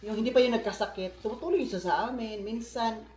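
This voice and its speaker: A man from the Philippines talks fast in a high, darkish-toned voice during a casual, chatty vlog. Asides aimed at his viewers come up often, and the space sounds echoey.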